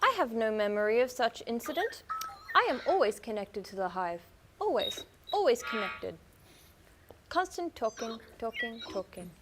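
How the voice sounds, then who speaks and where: A woman's voice: fairly high pitch, sing-song, normal speed, noisy background. A woman playing a young man turned hive-mind drone in a satirical drama, chanting repetitively in a detached way. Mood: entranced. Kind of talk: scripted satirical interview drama.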